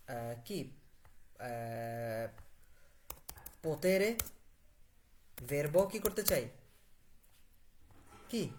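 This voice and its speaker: A man's voice: medium pitch, slight background noise. A man teaching Italian in a live online class. He asks the class questions, answers them himself and repeats words for stress.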